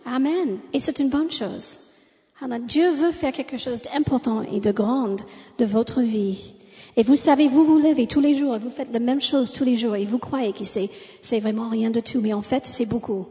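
An American woman, a native English speaker, preaches a sermon in French with an American accent. Her high, mellow voice moves at normal speed through long hall reverb, and her exclamatory delivery is sprinkled with amens and hallelujahs.

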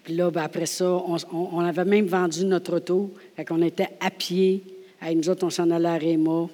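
Lively Québécois woman preaching. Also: fairly low pitch, moderate pace, long reverb tail. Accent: Québécois French. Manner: lively, laughing, acts out scenes, swings from hushed to loud. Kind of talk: animated storytelling sermon.

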